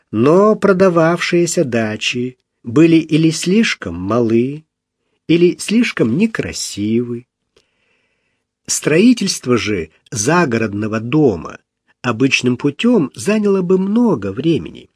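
Male audiobook narrator, husky voice, slow pace, lively intonation. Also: mid-range voice, no echo, clean studio sound. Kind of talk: first-person story reading.

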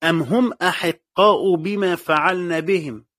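A man's voice: high voice, unhurried, a bit bright, no echo, studio quality. A man with an Egyptian accent teaching a lesson on Quranic exegesis. He explains step by step, repeats key phrases, and asks and answers his own questions. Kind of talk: classroom lesson commentary.

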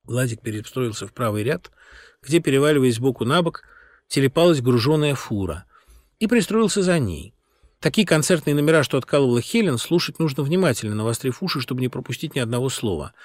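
A man reading a novel aloud as an audiobook narrator in an expressive, ironic storytelling manner on a close mic. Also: mid-range voice, brisk, dry recording. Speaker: audiobook reader. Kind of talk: scripted narration.

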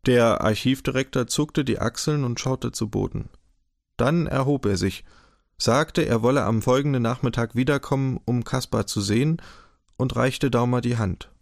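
A man with a German accent narrating a historical novel in a calm, measured audiobook reading. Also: medium pitch, creaky, dry recording, studio quality.

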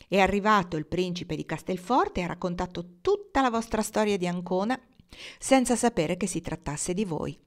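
A woman's voice: lowish voice, sing-song, moderate pace. A woman reading the part of a flippant young French count in a novel, telling his tale with light laughs. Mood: amused, teasing. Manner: breezy, laughing storyteller.

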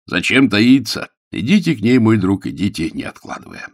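A man voicing a sly, wheedling young male golf rival who speaks with a smooth, mocking manner, read in a dry, close recording. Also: fairly low pitch, very animated, moderate pace, no echo. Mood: gushing.

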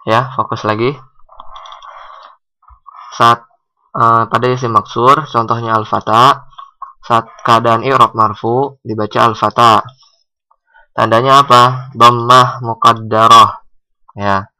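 A man teaching Arabic grammar, asking questions and answering them himself, with drawn-out example readings. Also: medium pitch, fairly even intonation, pushed and bright, low-quality recording. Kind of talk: recorded grammar lesson.

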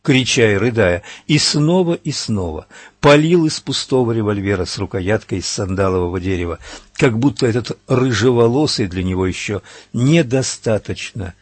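A man narrating an audiobook in a steady, dramatic reading. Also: on the low side, moderate pace, slightly rough, no echo.

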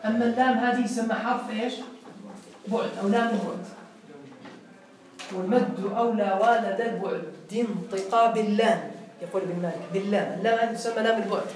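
A man teaching an Arabic grammar lesson in a classroom, explaining slowly, repeating points and quizzing his students. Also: high voice, reverberant, a little hiss or hum.

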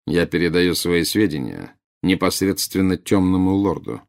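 A man playing a cold, insinuating male double agent in an audiobook, speaking in a measured, condescending way. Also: low voice, animated, creaky. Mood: cold, silky.

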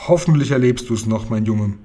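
Ein brummiger, leicht verzweifelter Onkel aus einem vorgelesenen Kinderbuch, von einem Mann gelesen. Die Stimme ist gedämpft und dunkel gefärbt, mit einem rauen Unterton. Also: male voice, lowish voice, brisk, mellow, voice pushed down, natural voice. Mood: grumbling. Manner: exasperated, grumbling. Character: worried, grumbling uncle, a pharmacist. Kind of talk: reading a children's book aloud.

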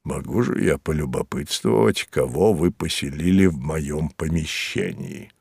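A man reading an audiobook, voicing a pompous older gentleman who mutters and grumbles in a low, offended voice. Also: unhurried, vocal fry, breathy edge, dry recording, clean studio sound, heavily acted. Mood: grumbling. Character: grumbling older male hotel guest, pompous. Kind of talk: audiobook character voice.

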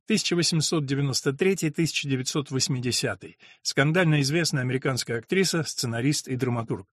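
A man narrates a literary audiobook with measured, even delivery. His voice sits somewhat high for a man. The sound is close and dry, with no room echo.

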